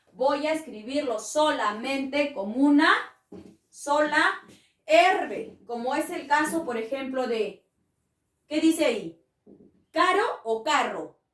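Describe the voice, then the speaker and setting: A woman's voice: high voice, a bit bright, distant mic. A woman teaching a spelling lesson to children, patient and coaxing, often asking the class questions. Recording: echoey room, voice from off-mic.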